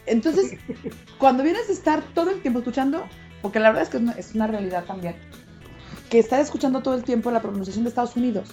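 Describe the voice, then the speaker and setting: A young adult woman with a Mexican accent, talking casually as a co-host, animated and quick to laugh. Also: a little high, faint music behind. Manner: animated, laughs often, acts out quoted reactions. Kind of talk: casual chat.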